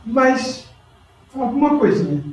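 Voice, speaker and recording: A man preaching a lively sermon and quizzing his congregation by name. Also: extremely high pitch, slow pace, heavy reverb, distant mic, low-quality recording. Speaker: pastor.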